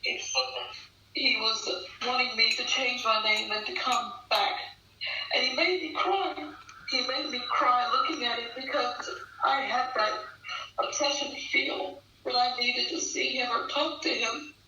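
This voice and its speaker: A woman with a bright, forceful voice recounts a personal experience in earnest. She stresses points by repeating phrases. The sound is very echoey and somewhat distant from the mic. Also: fairly high pitch, fairly even intonation, a little slow. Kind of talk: earnest personal testimony in conversation. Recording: echoey, distant, dull online call with faint noise.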